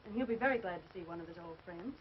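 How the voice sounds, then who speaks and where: An actress playing a scientist's cheerful, gracious young daughter in an old film, with polite, teasing manners. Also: female voice, lowish voice, racing, close to an everyday voice. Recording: muffled old film soundtrack.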